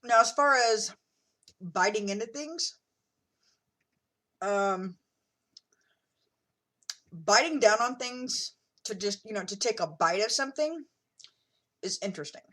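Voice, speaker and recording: A woman's voice: medium pitch, lively intonation, slow, pauses often, fairly bright tone. A middle-aged woman chatting casually in a video diary, with many fillers and restarts, sometimes talking while she eats. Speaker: vlogger.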